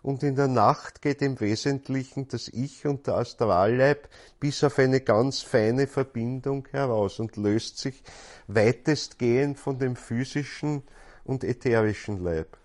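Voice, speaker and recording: A man's voice: medium pitch, unhurried, a little mellow. A man gives a spiritual lecture in a thoughtful, searching way, often repeating words as he goes.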